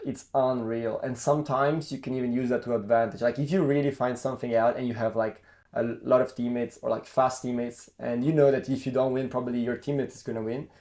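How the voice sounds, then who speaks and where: Young adult male, ex-racer vlogging; casual, animated storytelling with frequent self-corrections. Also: medium pitch, a little fast. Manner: lively anecdote-telling, acts out quoted dialogue. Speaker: former racing driver and karting coach.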